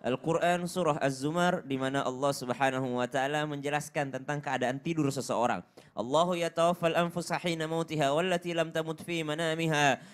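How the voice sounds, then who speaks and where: Guy preacher, smooth resonant voice, kinda high, calm sermon explaining verses. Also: brisk. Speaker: Islamic preacher (ustadz). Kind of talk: sermon with Quran recitation. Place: TV studio.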